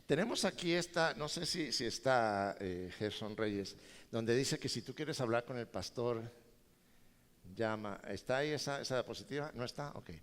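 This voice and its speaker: A male pastor preaching a sermon, animated and joking with his congregation. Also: medium pitch, moderate pace. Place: large church hall. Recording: reverberant church hall.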